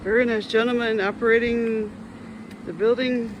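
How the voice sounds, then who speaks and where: A man's voice: very high-pitched, level tone, moderate pace, lo-fi sound, background noise. A man in his fifties giving casual, chatty travel vlog narration outdoors at a lighthouse, plain-spoken with frequent ums and restarts. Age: 50s. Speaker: travel vlogger.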